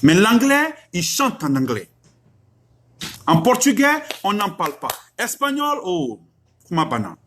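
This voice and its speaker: A man's voice: high voice, huge pitch swings, unhurried, fairly bright tone, a little hiss or hum. A middle-aged man from Africa, preaching emphatically and asking rhetorical questions. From West Africa. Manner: emphatic, rhetorical questions, repeats lines for effect. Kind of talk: religious exhortation.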